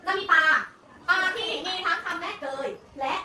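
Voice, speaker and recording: Brief: woman teacher, high bright voice, patient and prompting, echoey room, mic far off. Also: normal speed. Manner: patient, prompting, repeats each word back. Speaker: primary school teacher. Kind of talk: classroom phonics lesson for young children. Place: classroom. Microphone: room recording from a distance. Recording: echoey classroom from far off with background noise.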